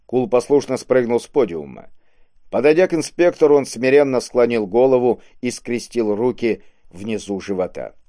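Mellow-voiced man reading a novel. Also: medium pitch, lively intonation, moderate pace, no echo, clean studio sound. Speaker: audiobook reader. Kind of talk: scripted narration.

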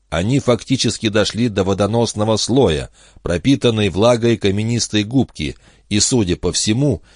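A man with a very deep voice narrates an audiobook, reading from a script in a steady, measured way that stays even and unhurried. The recording is dry and close, with no echo.

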